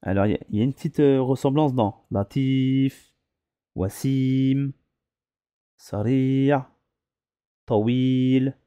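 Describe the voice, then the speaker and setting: Male teacher, patient and methodical, very slow, mellow tone, breaks words into syllables and corrects pronunciation. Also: medium pitch, fairly even intonation, clean tone, no room sound. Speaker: Arabic teacher. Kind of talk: slow, patient reading lesson with repetition.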